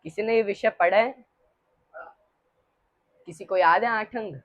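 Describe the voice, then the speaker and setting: A woman's voice: mid-range voice, measured pace, no echo. Hesitant woman giving a religious lesson. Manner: hesitant, with frequent fillers and restarts; leads the group in call-and-response repetition. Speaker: student giving a religious study talk. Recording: dull muffled dry recording.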